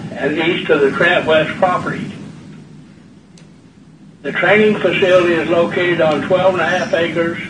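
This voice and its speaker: A man calling into a public meeting on speakerphone, reading a prepared statement in a steady, matter-of-fact way. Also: a little high. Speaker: resident caller to a planning meeting. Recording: echoey, distant speakerphone call with background noise.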